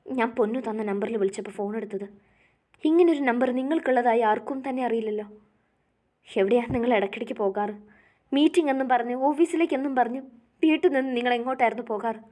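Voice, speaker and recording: A woman's voice: a little high, quick pace, darkish tone, lightly acted. A woman voicing a tearful, pleading young bride-to-be in a storybook reading. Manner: pleading, distraught. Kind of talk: storybook narration.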